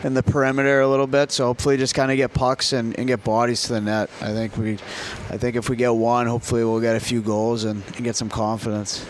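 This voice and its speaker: A man with a slightly softened Boston accent, giving hesitant, understated answers in a casual interview. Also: medium pitch, monotone, fast, few pauses, a little hiss or hum. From Boston, USA. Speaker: hockey player guest.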